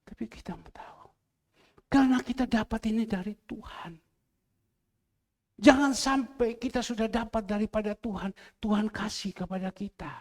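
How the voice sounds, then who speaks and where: A man preaching a sermon as pastor, swinging between loud, emphatic lines and hushed asides and repeating key phrases for emphasis. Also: sits high, fairly even intonation, normal speed.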